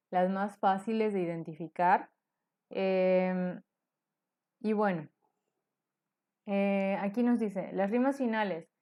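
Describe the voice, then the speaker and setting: A woman takes her students through a lesson at an unhurried, deliberate pace. She explains each point patiently and keeps checking in with a quick "ok?". Her voice sits at an ordinary middle pitch. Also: darkish tone. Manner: slow, patient, asks "ok?" after nearly every phrase. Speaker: English teacher.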